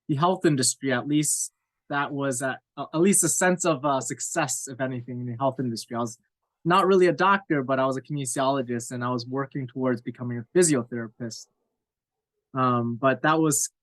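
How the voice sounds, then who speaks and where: A man's voice: medium pitch, fairly bright tone, no echo, rough recording. Candid rambling man in his thirties. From Cape Breton Island, Nova Scotia, Canada. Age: 30s. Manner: candid, rambling, self-deprecating with frequent fillers. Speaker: podcast guest. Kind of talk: casual interview chat.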